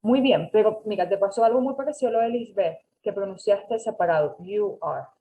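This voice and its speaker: A woman's voice: medium pitch, animated, fairly quick, warm tone, slight background noise, low-quality recording. A woman teaching an English class over a video call, patiently correcting students and mixing with English. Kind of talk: online class instruction.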